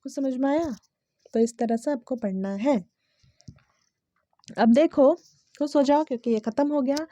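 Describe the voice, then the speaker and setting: A woman's voice: high-pitched, moderate pace, mellow, dry recording. A young woman teaching English grammar in a patient, repetitive way, often checking whether her students follow. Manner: patient, repeats key words, asks if it is clear. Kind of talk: explaining grammar in a lesson. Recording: dull, lo-fi sound.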